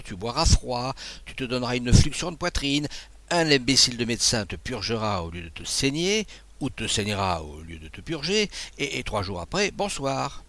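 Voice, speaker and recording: A self-assured naval officer who talks briskly and teases his friend, as a male reader plays him, in a gravelly, lively voice. A storybook gentleman, sure of himself. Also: medium pitch. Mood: teasing. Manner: confident, brisk, teasing.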